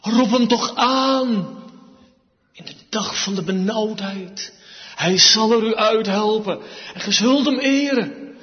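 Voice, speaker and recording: Man, sermon, high voice, slow emphatic delivery, long church reverb, dull sound. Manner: slow, emphatic preaching with wide swings in pitch and loudness. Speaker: preacher.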